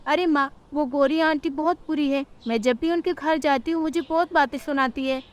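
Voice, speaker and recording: A woman doing a high, whiny little girl bird. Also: steady tone, normal speed, natural voice. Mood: sulky. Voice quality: high, childish whine.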